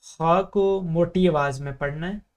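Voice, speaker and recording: A man teaching beginners to read the Arabic letters of the Quran in a recorded lesson, stretching each letter name long and then explaining quickly. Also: fairly high pitch. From Pakistan.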